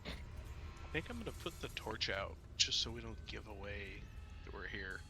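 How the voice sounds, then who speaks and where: A man's voice: lowish voice, lively intonation, moderate pace. A man playing a tabletop game, casually saying what his character tries. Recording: loud music behind.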